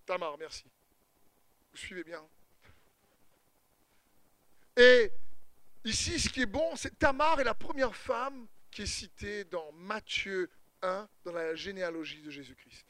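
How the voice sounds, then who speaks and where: A man preaching a sermon, retelling a scripture story with humor and lively asides. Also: high voice, measured pace, no room sound.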